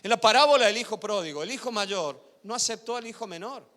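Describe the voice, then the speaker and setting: A male pastor preaches in a bright, forceful, somewhat high voice. He moves between loud emphatic declarations and hushed, close asides, checking that his listeners follow. The sound rings out with the long reverb of a church hall. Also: lively intonation, brisk. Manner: asks the congregation if they follow. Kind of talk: sermon.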